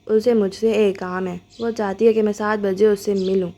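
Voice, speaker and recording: A woman voicing a bitter, defensive wealthy young man in a storybook reading, pitching her voice low and sounding aggrieved. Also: little pitch movement, mellow, close to an everyday voice.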